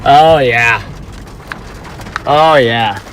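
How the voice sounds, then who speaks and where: A man with a medium-pitched, slightly bright voice speaks very slowly, chatting casually with his livestream audience as a storm chaser. He talks to his chat from inside a car while watching the storm. The audio is noisy, with car sounds and outdoor ambience.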